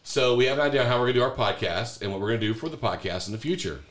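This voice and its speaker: A man's voice: medium pitch, animated, rapid-fire. A man co-hosting a casual family podcast with his child, playful and full of prompting questions. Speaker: podcast co-host and parent.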